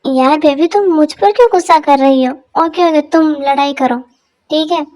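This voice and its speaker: A woman's voice: high voice, moderate pace, a little mellow, lightly acted. A woman voicing an easygoing young husband in a fan dub drama, soothing and joking. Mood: coaxing.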